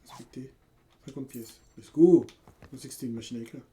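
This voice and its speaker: A man casually commentating his gameplay, reading game text aloud in street slang, with sudden loud shouts of excitement. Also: mid-range voice, a little fast. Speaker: let's play gamer.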